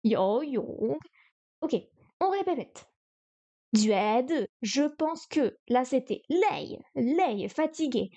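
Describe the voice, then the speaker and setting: Slow-talking woman drilling vocabulary aloud. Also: high-pitched, animated, warm tone. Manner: repeats vocabulary and counts strokes aloud, chatty self-talk. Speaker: streamer studying Chinese live. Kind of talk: live study stream, thinking aloud.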